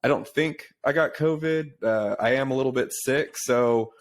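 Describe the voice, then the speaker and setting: A young man hosting a casual podcast over a remote call, talking in a relaxed, chatty way. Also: medium pitch, normal speed. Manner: relaxed, chatty, says "dude" and "uh" often. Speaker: podcast host, pharma sales rep.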